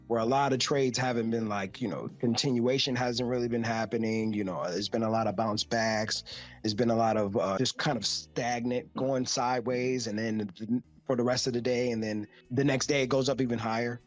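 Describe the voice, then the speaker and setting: Rambling male show caller. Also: medium pitch. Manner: rambling, self-interrupting, repeats phrases. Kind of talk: radio show caller, casual chat.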